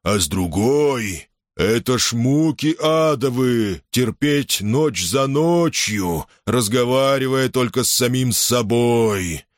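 A man voicing a huge, slow-witted, plaintive pancake-shaped monster that speaks in a slow, howling, drawn-out bleat. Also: mid-range voice, lively intonation, dry recording, clean studio sound, voice pushed up.

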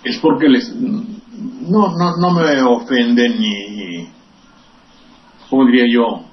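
A man's voice: medium pitch, takes it slowly. An older man from Veracruz with a Mexican accent, giving rambling, sardonic and profane political commentary as a radio host. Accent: Mexican Spanish. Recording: distant, dull lo-fi radio recording with faint hiss.

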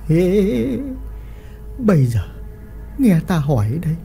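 A reader voicing a lecherous, bullying old male village official who mocks and threatens in a drawn-out way. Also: medium pitch, sing-song, mellow, soft background music, voice pushed up. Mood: leering menace. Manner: mocking, leering, drawn-out menace.

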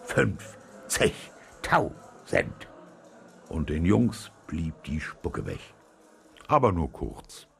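A man reading a children's story aloud with expressive storytelling. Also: very deep voice, takes it slowly, gravelly. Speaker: audiobook reader.

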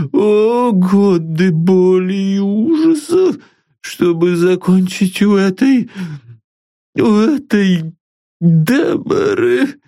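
A man's voice: mid-range voice, gravelly, husky, dry recording, clean studio sound, voice pushed up, exaggerated voice. A man doing a paranoid old father. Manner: ranting then weak and faltering. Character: elderly frightened rich father, paranoid and guilt-ridden. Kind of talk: audiobook reading.

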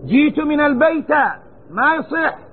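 A man gives a religious lesson, his voice set very high. He is emphatic and circles back over the same phrases to correct pronunciation. It is a tinny, narrow recording with a faint hiss underneath. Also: animated, moderate pace. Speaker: Islamic scholar teaching Quran commentary.

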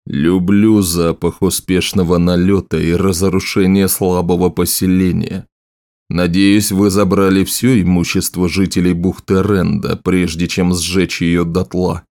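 Man as a raider king: low, slow, gruff, mocking. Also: little pitch movement, a little mellow, dry recording, clean studio sound. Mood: gloating. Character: brutal scarred raider king, man, greedy.

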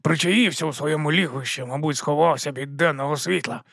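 A man voicing a shifty, grubby watchman in an audiobook, speaking in a low, hushed mutter. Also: a little fast, gravelly, no echo, clean studio sound.

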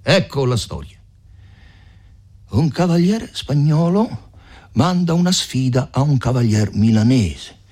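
Brief: male narrator playing a sly, overbearing lord from a classic novel reading, dropped low, husky. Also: very animated, slow, pauses often, a little mellow.

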